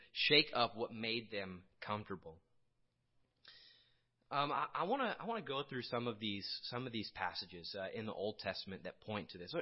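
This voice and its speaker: A man from Illinois preaching a casual sermon, conversational and halting, with frequent restarts and fillers. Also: fairly low pitch, lo-fi sound. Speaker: pastor.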